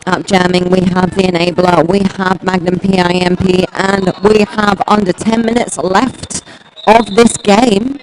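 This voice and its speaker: A woman's voice: fairly low pitch, flat delivery, unhurried, a little hiss or hum, low-quality recording. A woman with a Minnesota accent calling play-by-play for a roller derby game in an upbeat, conversational way. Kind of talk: play-by-play commentary.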